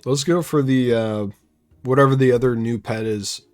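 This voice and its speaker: Young male streamer, loose rambling commentary with a dry sarcastic edge, average pitch. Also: fairly even intonation, moderate pace. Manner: wry, sarcastic rambling asides. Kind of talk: casual live-stream gameplay chatter.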